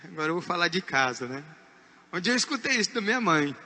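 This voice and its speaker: A man with a Brazilian Portuguese accent preaching a sermon as pastor. He is emphatic, swinging from hushed asides to shouted points. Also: high-pitched, sing-song, fast, long reverb tail. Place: church.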